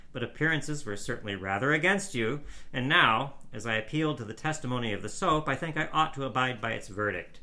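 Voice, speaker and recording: A man reading a story aloud, voicing a calm gentleman who speaks in a dry, measured, judicious way. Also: mid-range voice, natural voice. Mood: kindly.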